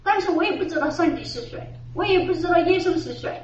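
A middle-aged woman from the church shares an earnest personal religious testimony at a gathering, speaking fast in a high, slightly mellow voice. She repeats the same phrases and laughs now and then. The recording is echoey and dull, with her sounding distant from the mic in a roomy space.

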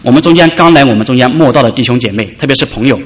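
A man preaching a sermon, calling out loudly at high points and dropping soft in between. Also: very fast. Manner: preaching with dramatic rises and soft drops. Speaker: pastor.

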